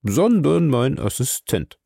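A man voicing a composed, courteous gentleman scientist. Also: mid-range voice, big pitch swings, slow, vocal fry, dry recording, studio quality, pitched above the performer's own voice, exaggerated voice. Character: polite composed male scientist.

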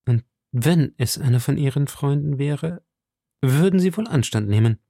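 A man reading an audiobook, voicing a cunning, scheming noble lady in a cool, measured, probing manner. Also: mid-range voice, expressive, vocal fry, dark tone, no echo, studio quality.

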